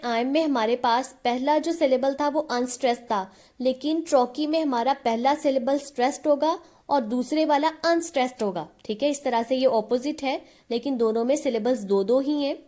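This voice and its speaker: A woman's voice: high voice, dark tone. A woman explaining literature lessons in Hindi with English terms, patient and checking in with her students often. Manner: reads English definitions slowly and deliberately.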